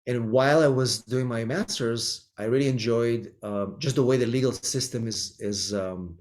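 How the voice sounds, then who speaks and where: A middle-aged Israeli man, an immigration lawyer appearing as a guest, answers interview questions thoughtfully with frequent ums and restarts. His mid-range voice is a little mellow and moves at a moderate pace.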